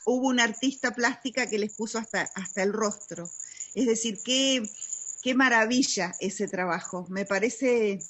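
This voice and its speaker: A woman taking part in a video-call talk, speaking in a slow, admiring way with hesitations. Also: on the high side. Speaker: participant.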